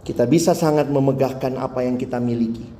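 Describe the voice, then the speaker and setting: A man preaching a sermon, storytelling in an animated way and asking the audience questions, in an echoey church hall. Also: medium pitch, quick pace, a little hiss or hum.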